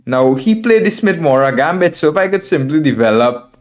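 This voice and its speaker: Over background music, a Trinidadian chess streamer and instructor from Trinidad and Tobago gives live game commentary. His fairly high voice swings widely in pitch and moves briskly as he thinks aloud, repeats phrases, and calls his viewers friends.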